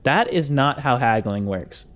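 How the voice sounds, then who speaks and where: A man's voice: mid-range voice, expressive, measured pace, fairly bright tone. A man voicing a young male smith's son who runs the counter as a touchy shopkeeper with chatty, defensive sales patter. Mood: baffled.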